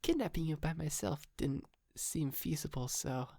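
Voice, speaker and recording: With a slightly high, expressive voice at a moderate pace, a man portrays a courteous, sheepish, rich young yandere kidnapper in ASMR, speaking softly and haltingly with stammers and breathy whispered moments. He comes across as sheepish and confessing, and the recording is dry and studio clean.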